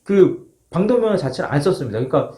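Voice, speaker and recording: A man's voice: on the high side, quick pace. A man casually telling a first-person story as a former marine, acting out moments with polite formal sentence endings. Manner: animated, acts out shouts, polite formal endings. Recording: roomy, echoing sound.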